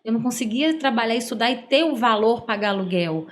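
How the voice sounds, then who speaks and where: A woman's voice: fairly high pitch, animated, fairly quick, a little hiss or hum. A middle-aged woman, a psychologist telling her life story in an interview, heartfelt and earnest. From Brazil, Minas Gerais. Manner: earnest, heartfelt, acts out quoted dialogue. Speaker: guest psychologist. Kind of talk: personal storytelling in a podcast interview.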